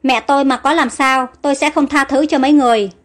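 A defiant little street boy shouts and whines in this storybook reading, pitched high and pushing hard, voiced by a woman. Faint music sits under him. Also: steady tone, fast talker, natural voice. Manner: shouting and whining.

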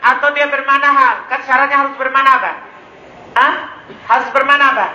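A man teaching Arabic grammar in a classroom lecture, often stopping to quiz his students with quick questions. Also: extremely high pitch, steady tone, pushed and bright, dull audio. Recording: echoey classroom recording.

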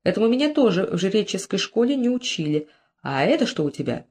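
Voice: medium pitch, big pitch swings, fairly quick, darkish tone. A reader voicing a naive, timid young scribe who asks wondering questions in an audiobook. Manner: wondering, fearful. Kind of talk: audiobook character voice.

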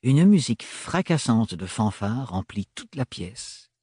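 A male audiobook narrator reads in a measured, literary way. His voice is husky at an ordinary middle pitch, recorded dry and close with no room sound. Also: very animated, dark tone, no echo. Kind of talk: scripted narration.

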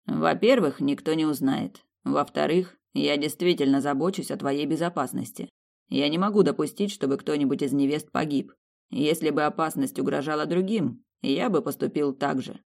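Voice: mid-range voice, vocal fry, natural voice. Brief: audiobook love interest, confident young prince, teasing and composed, read by the narrator. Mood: earnest. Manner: calm, unhurried, mocking. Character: teasing, self-assured young male prince. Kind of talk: audiobook character reading.

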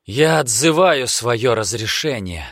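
A man's voice: mid-range voice, animated, slow, fairly bright tone, no echo, studio quality, pitched above the performer's own voice, full character voice. A man voicing a desperate, defiant young nobleman who speaks in a strained, raised and emphatic way.

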